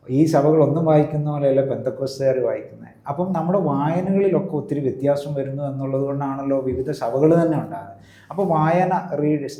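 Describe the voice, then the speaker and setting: A man of the clergy explains in an interview, teaching step by step and pausing to check that he is followed. His voice is very dark and mellow. It is recorded in a room with noticeable echo. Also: medium pitch. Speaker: priest. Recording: roomy echo.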